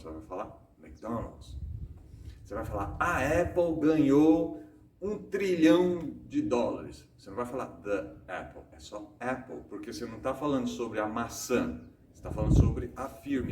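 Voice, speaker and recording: A Brazilian man hosting a casual English lesson from home, explaining rules with rhetorical questions and slowing down to stress his examples. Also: mid-range voice, reverberant, distant mic, a little hiss or hum. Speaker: English teacher and host.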